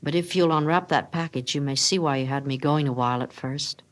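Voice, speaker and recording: A woman voicing a gentle young husband, plain-spoken and tender, in a dramatic storybook reading. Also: deep voice, a little fast, close to an everyday voice. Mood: tender, reassuring.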